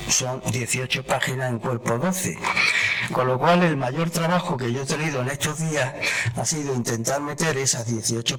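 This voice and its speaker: A man's voice: medium pitch, fairly bright tone, slight background noise. A man, presenting a guest at an award ceremony in a lecture hall, reading a long list with small slips and restarts. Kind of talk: formal ceremonial speech introducing a guest.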